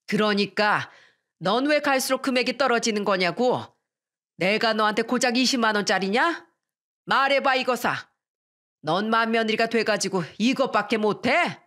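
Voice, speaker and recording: A woman voicing an angry, shrill older mother-in-law who scolds and yells, in a storybook reading. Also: a little slow. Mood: furious. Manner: scolding, yelling.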